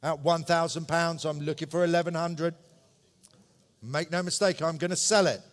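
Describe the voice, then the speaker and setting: A man calling a live auction, repeating figures in brisk, clipped phrases with polite asides to bidders. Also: a little high, steady tone. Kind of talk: live auction calling, running bid commentary. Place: large indoor auction room. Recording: echoey hall with long reverb.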